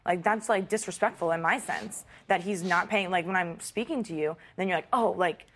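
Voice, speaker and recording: A young woman in her twenties from Ohio, making her case in front of a court show judge, talking fast with lots of "like". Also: lowish voice, fairly bright tone, a little hiss or hum. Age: 20s. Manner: fast, full of "like", frustrated. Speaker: litigant.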